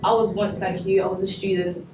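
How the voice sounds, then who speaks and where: A young adult woman from Congo, a guest speaker in a school hall, gives students an earnest, conversational motivational talk full of fillers like "you know." Her mid-range voice is level and fairly quick. The distant mic catches the echoey hall, background noise, and music behind her.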